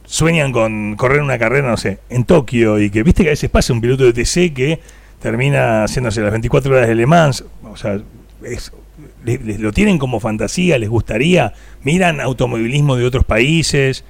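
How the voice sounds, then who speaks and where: A man with an Argentine Spanish accent hosting a casual radio interview, chatty and quick to laugh. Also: mid-range voice, gravelly, no echo. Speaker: radio host.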